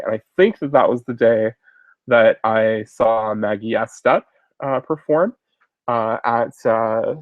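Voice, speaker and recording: In a casual chat, a slightly sick host in his thirties sniffles while answering viewer questions, rambling and restarting with many fillers. He has a medium-pitched voice, recorded with no room sound in narrow, tinny audio.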